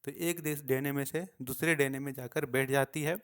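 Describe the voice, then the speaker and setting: A man's voice: medium pitch, fairly even intonation, moderate pace, a bit bright. A male teacher patiently explaining a textbook story to young schoolchildren. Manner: patient, explanatory, addresses the children.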